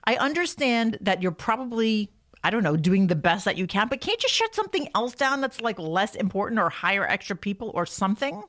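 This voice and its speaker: A woman's voice: mid-range voice, big pitch swings, a little fast, a bit bright. A woman co-hosting a casual comedy podcast, chatting and ranting in an emphatic, incredulous, sweary way. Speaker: podcast co-host. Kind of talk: casual comic rant and chat.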